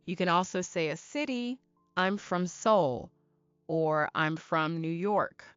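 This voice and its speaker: A woman teaching English to beginners in a slow, clear, deliberate scripted style, asking learners to repeat after her. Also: on the low side, lively intonation, no echo, dull audio, faint music behind. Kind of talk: slow scripted lesson narration.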